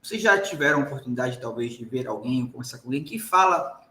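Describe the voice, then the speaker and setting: A man's voice: medium pitch, animated, quick pace, pushed and bright, echoey room, a little hiss or hum. A man with a Brazilian Portuguese accent giving a recorded lecture to law students, emphatic and often checking in with the class.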